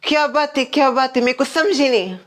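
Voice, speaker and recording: A woman acting the daughter-in-law in a comedy sketch, placating and quick with replies. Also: sits high, expressive, fairly bright tone. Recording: echoey room with long reverb.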